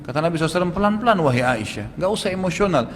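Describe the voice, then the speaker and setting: A man preaching and answering audience questions in a religious lecture. He talks in an animated, emphatic way and jumps sharply upward to stress his rulings. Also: high voice, racing, in a large hall, a little hiss or hum.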